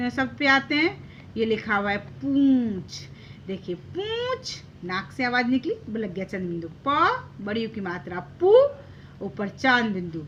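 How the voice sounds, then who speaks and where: Bright, lively woman teaching kids. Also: sits high, lo-fi sound, slight background noise. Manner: sing-song, drawing out sounds slowly, asking questions. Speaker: children's Hindi teacher. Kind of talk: classroom lesson for kids.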